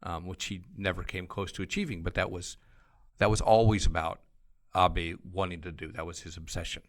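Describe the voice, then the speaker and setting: A man's voice: sits low, level tone, a little fast. A podcast guest, a man, talking bluntly with sardonic asides. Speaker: guest commentator. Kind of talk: podcast conversation.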